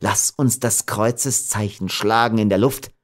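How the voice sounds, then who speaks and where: A furious young man in a storybook reading, scornful and bitter, as a narrator plays him. His words come loud and slow. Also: on the low side, fairly even intonation, lightly acted.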